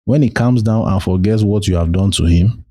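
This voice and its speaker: Brief: Nigerian-accented male podcast host, husky and dry-miked, reads verses and then swears at them. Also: lowish voice, normal speed, warm tone, no echo. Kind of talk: Bible reading with ranting commentary.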